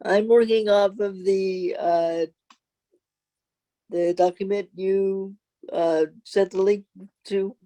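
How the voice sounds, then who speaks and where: Woman presenting in a mellow voice. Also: medium pitch, steady tone, takes it slowly, long pauses. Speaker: committee presenter. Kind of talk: committee presentation.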